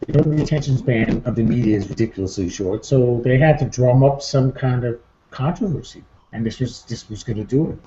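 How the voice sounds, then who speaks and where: This co-host speaks at medium pitch with a dark tone, a little fast and with few pauses, in a subdued, informal two-person chat on a casual online talk show. He's in an indoor room on an online video hangout, over an internet call that comes through muffled, echoey, and faintly noisy.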